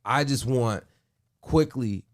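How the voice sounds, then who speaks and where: A man hosting a podcast, chatting casually and excitedly in quick bursts with restarts. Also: mid-range voice. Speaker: podcast host. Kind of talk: casual chat.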